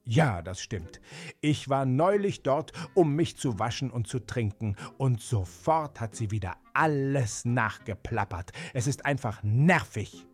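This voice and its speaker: A man's voice: medium pitch, expressive, measured pace, slightly rough. A man voicing a small hare, indignant and agitated as he complains. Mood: annoyed.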